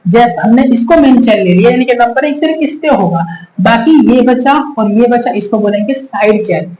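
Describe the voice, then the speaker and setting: Hindi chemistry teacher counting carbons aloud. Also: male voice, very high-pitched, expressive, normal speed, darkish tone, a little hiss or hum. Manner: repeats steps and counts aloud patiently; addresses students as children. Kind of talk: whiteboard lesson. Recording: echoey room, faint ambience.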